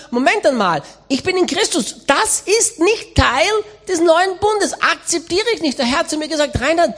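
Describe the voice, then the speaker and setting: A woman's voice: extremely high pitch, a bit bright. A woman speaking a sermon as a voice-over, in an emphatic, exhorting way.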